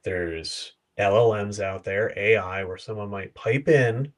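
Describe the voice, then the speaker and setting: A man speaking as a guest in a casual panel chat over a video call, explaining with concrete examples and quick asides. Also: fairly low pitch. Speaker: guest consultant.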